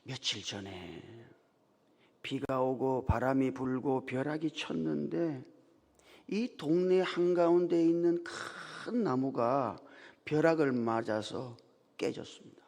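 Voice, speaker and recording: Pastor guy preaching, tells stories and gets loud and emphatic, big echoey church. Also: medium pitch, takes it slowly, creaky. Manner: storytelling, building to loud emphatic peaks. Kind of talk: Sunday morning sermon. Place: church sanctuary. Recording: long church hall reverb.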